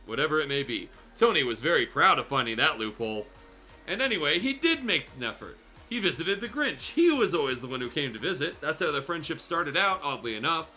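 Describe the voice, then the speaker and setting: A man with a slightly high, bright, forceful voice reads fan fiction on a livestream as a guest host, going for comic theatrics and irreverent swearing. Music can be heard behind him.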